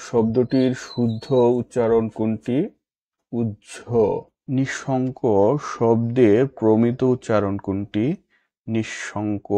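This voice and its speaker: A man reading an exam-prep lesson in a formal, measured way, stating each question and then its answer. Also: mid-range voice, dark tone, no room sound.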